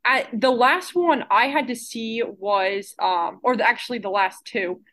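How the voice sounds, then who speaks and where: A woman's voice: fairly high pitch, unhurried, a bit bright. Thoughtful woman podcast co-host. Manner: thoughtful, hedging with likes and ums. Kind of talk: casual podcast chat.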